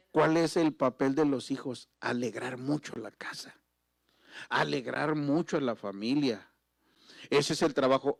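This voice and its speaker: A middle-aged man from Mexico, preaching with emotional storytelling that swings from loud exclamations to near-whispers. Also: mid-range voice, vocal fry, no room sound, studio quality. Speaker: pastor.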